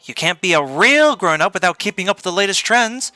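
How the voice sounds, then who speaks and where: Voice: medium pitch, animated, a little fast, pushed and bright, dry recording, soft background music, voice pushed up. A streamer voicing a bubbly, trendy teenage girl in a game story, with perky, upbeat delivery. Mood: chirpy.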